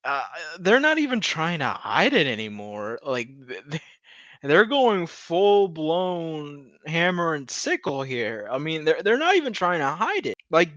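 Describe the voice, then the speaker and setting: A man with a somewhat high, slightly bright voice gives a casual, profane rant recapping a TV episode for a video, mocking much of what he retells. He laughs through his words and acts out quotes with derision, recorded lo-fi without room sound.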